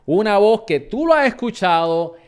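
A man's voice: sits high, sing-song, normal speed, smooth. Upbeat Puerto Rican podcast host, man. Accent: Puerto Rican Spanish. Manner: upbeat, addresses listeners as "mi gente". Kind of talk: energetic podcast intro and interview.

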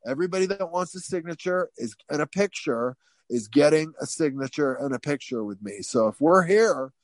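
A man as an interview guest telling a story casually, animated and profane, with many fillers and restarts. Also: a little high, moderate pace, no room sound.

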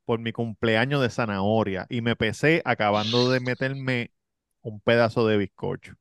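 A man, hosting a casual podcast chat, laughing and stumbling into quick bursts. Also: mid-range voice, clear, resonant tone, no room sound. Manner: laughs, stammers, rapid bursts. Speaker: podcast host.

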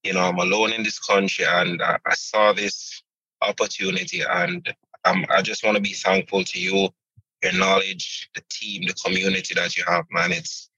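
A man calling into a live video Q&A, earnest and grateful, hesitant with many pauses. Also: deep voice, big pitch swings, creaky, sharp tone, breathy edge, dry recording, dull audio. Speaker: caller asking a question. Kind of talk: casual chat on a video call. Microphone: video call.

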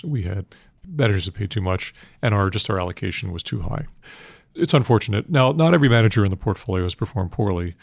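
Older man, lowish voice, investment banker manner, measured, matter-of-fact, finance interview answers, close dry sound. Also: creaky, no echo. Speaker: institutional investment manager being interviewed.

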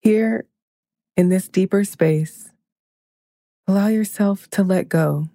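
A woman leading a guided meditation in a slow, soothing, hushed manner, counting breaths and counting down. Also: medium pitch, dry recording, studio quality.

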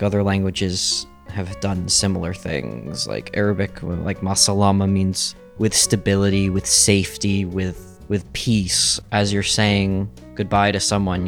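Low-ish guy guest, kinda hesitant, says like a lot, faint music behind. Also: creaky. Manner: hesitant, lots of "like" fillers. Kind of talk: casual chat.

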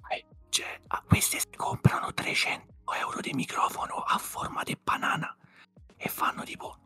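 A man's voice: moderate pace, pushed and bright, soft background music. A man whispering on an ASMR podcast, blunt and casual with swearing.

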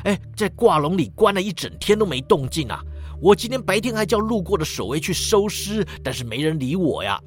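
A man's voice: sits high, very animated, brisk, pitched above the performer's own voice. A man voicing a sly, pleading male assassin locked in a cage, in a storybook reading. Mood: eager. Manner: pleading, complaining.

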